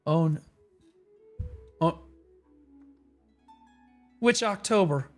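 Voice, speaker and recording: Profane ranting streamer on headset mic. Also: male voice, fairly high pitch, expressive, extremely slow, over music. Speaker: livestream gamer. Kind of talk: casual livestream commentary.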